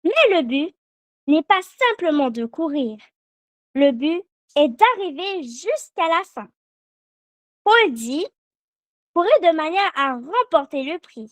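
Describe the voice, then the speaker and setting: A woman delivering a sermon in a high voice at an unhurried, deliberate pace. She speaks in a measured way and leads call-and-response repetition. The sound is dry and close. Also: big pitch swings, no echo. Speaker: preacher giving a children's meditation.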